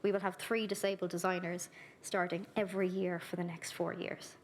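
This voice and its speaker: Slight background noise sits under a lowish, level-toned woman's voice from Ireland. She speaks earnestly in a conference hall, first in a keynote and then answering audience questions into a handheld mic, warm and direct and quick with her lists.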